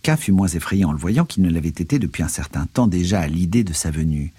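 A man narrating a literary work in a measured, expressive way. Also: low-pitched, husky, dry recording.

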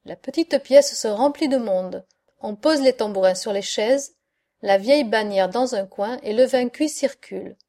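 A woman narrating a classic story in the first person with a measured, expressive reading. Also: fairly high pitch.

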